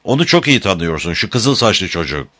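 A man's voice: sits low, big pitch swings, fairly quick, exaggerated voice. A man voicing a furious young swordsman. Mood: desperate. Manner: shouting, urgent threats.

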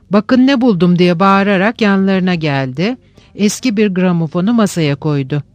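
High-voiced man reading literary fiction. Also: darkish tone, dry recording. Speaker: narrator. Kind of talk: scripted literary narration.

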